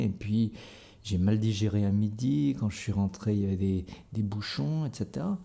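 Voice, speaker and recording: A man hosting an audio show as an energy healer, talking calmly and conversationally, speaking straight to his listeners. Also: on the low side, vocal fry. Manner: calm, conversational, addresses listeners directly. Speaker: energy healer and podcast host. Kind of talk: reflective spoken talk.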